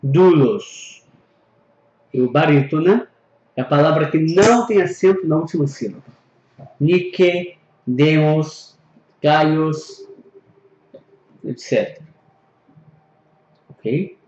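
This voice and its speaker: A man teaches a recorded Greek grammar lesson, patient and explanatory, often repeating and reviewing terms. His slightly high, somewhat mellow voice is slow with long pauses, and the room recording is echoey, dull and lo-fi.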